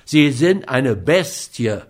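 A man voicing a stern, forceful man who gives orders and threats in a loud, firm voice. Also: medium pitch, sing-song, takes it slowly. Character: commanding, stern adult man, mining expert.

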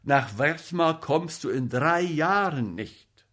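A man voicing an agitated, boozy male comic actor who fusses loudly over a sick friend. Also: slow pace, exaggerated voice. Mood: fussing. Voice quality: loud, excitable, high-pitched.

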